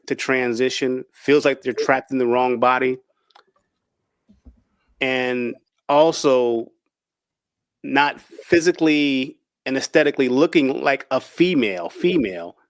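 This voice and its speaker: A man's voice: medium pitch, no echo, studio quality. A man hosting a casual panel discussion who presses his guests with probing questions. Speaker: host.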